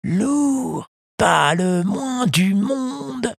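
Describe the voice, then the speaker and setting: A reader voicing a huge, gentle male tuna fish who speaks slowly, in a storybook reading. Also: medium pitch, lively intonation, creaky, breathy edge, no echo, studio quality, pitched above the performer's own voice, full character voice. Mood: reassuring. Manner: slow, drawn-out, distant.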